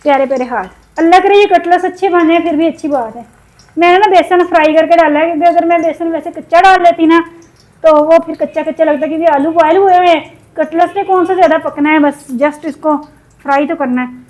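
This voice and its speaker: A woman from Pakistan chatting in a cooking vlog, upset and venting, her throat sore from shouting. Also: very high-pitched, fairly even intonation, fairly quick, rough recording. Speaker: cooking vlogger. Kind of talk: casual cooking vlog chat.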